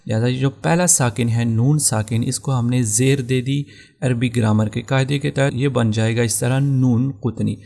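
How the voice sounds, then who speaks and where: A male Quran teacher with a Pakistani Urdu accent explains recitation rules in a patient, step-by-step lesson. His voice carries a gravelly, creaky texture at a mid pitch. He goes back over each rule and takes every example slowly. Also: darkish tone.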